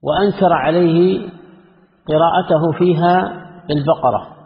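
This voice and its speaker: A man delivers a religious lesson, reading from a classical text in a measured manner and adding his own comments. His slightly high voice carries a gravelly edge. The audio is tinny and phone-like, with a long echo from the hall. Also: steady tone. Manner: measured, reads quoted passages then comments. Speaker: Islamic scholar teaching a text.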